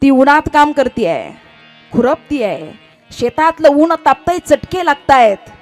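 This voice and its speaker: High-pitched woman preacher, impassioned devotional story, goes from soft to loud. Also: very animated, unhurried, soft background music. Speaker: kirtan preacher.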